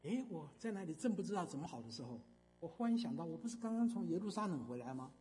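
An older man giving a church testimony as a storytelling sermon, emphatic and animated, with frequent fillers. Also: a little high, quick pace, a little hiss or hum.

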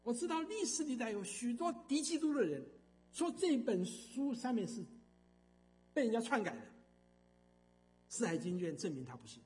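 An older man giving a church testimony as a storytelling sermon, emphatic and animated, with frequent fillers. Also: extremely high pitch, normal speed, long pauses.

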